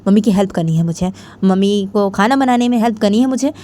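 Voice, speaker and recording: A woman voicing a young woman lover who hushes and explains at length in a soothing way. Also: medium pitch, fast talker, lightly acted.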